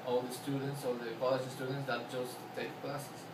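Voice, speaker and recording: In a noisy, echoey space, a young man with an Ecuadorian accent is recorded from a distance while being interviewed as a student. His mid-range voice halts often, filled with fillers and sentences he restarts.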